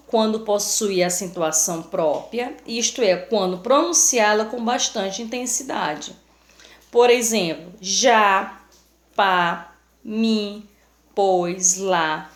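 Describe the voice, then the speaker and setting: A woman teacher with a Brazilian Portuguese accent gives a recorded lesson, reading out examples one by one. She speaks slowly and carefully at a middle pitch. The recording is roomy and echoey. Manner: slow, careful dictation of examples.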